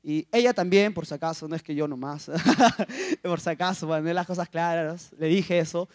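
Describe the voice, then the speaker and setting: A young man in his twenties shares a personal testimony with a school assembly. His voice sits high for a man, and he tells the story with emotion, acting out the quotes as he goes. The sound is close and dry. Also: normal speed, no room sound. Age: 20s. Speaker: youth speaker.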